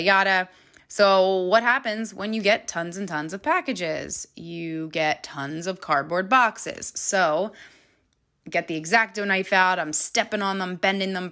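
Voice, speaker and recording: A woman's voice: fairly low pitch, pushed and bright. A woman hosting a podcast, telling a personal story in a candid, chatty way with frequent laughs and fillers. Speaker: podcast host.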